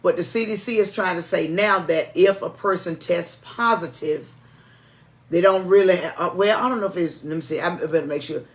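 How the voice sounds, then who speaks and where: A woman's voice: on the low side, moderate pace. Folksy woman, church co-host. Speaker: church music director and co-host. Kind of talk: informal announcements and chat.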